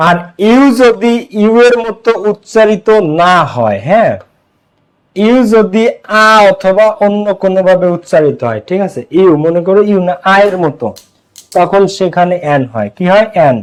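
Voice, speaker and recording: A man's voice: high voice, expressive, a little slow, smooth, poor audio. A man teaching an online English grammar class, drilling students with repeated questions and mixing Bengali explanation with English examples.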